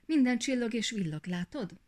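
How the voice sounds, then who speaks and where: A woman's voice: fairly high pitch, lively intonation, darkish tone, voice pushed up, close to an everyday voice. A woman voicing a proud young princess, humbled and eager to go home. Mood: eager pleading.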